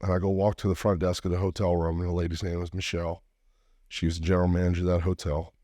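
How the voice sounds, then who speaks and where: A man's voice: sits low, little pitch movement, fast, warm tone, dry recording, studio quality. A man from Louisiana, a podcast guest, telling his life story in an earnest, heartfelt, reflective way. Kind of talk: personal storytelling interview.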